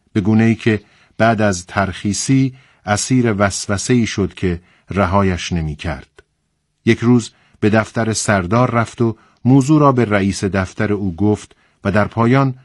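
A man reading a book passage aloud on a radio program, with calm, measured storytelling. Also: lowish voice, no room sound, clean studio sound.

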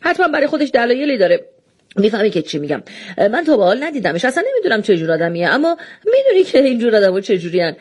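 A woman's voice: a little high, big pitch swings, a little mellow. A woman reading the lines of a rule-bound doorkeeper who apologizes but will not bend, in an audiobook. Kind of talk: audiobook dialogue.

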